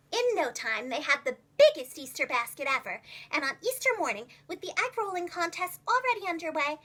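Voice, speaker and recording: In a very high-pitched voice, a woman tells a children's story aloud the way a preschool teacher would. Her delivery is expressive, and she enunciates carefully.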